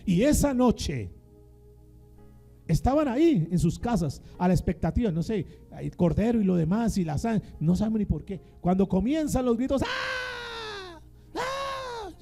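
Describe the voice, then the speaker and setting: A man's voice: high voice, big pitch swings, moderate pace, vocal fry, mellow, soft background music. A male pastor preaching a sermon in a dramatic style, calling on the congregation to repeat his words back to him. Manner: dramatic call-and-response preaching.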